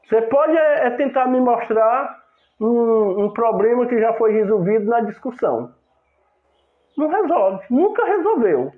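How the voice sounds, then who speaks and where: A high-pitched man delivers a sermon, speaking in a teaching, exhortative manner. His voice rings in a reverberant room. The sound is thin and narrow, like it came down a phone line. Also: moderate pace. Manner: preachy, acts out couple's quarrels in quoted voices. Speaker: preacher. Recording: echoey room over a tinny phone-like line.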